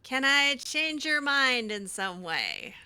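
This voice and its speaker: Playing a fantasy video game, a woman improvises in character as a mage heroine, hesitant, wry and sarcastic. Her high voice is very animated yet slow, with a sharp, clean tone.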